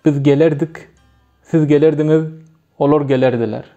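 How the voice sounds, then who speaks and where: A man's voice: on the high side, fairly even intonation, moderate pace, dark tone, dull audio, faint music behind. A man with a Turkmen accent and Turkmen as his first language, teaching a casual video lesson, hesitant, with many fillers and self-corrections.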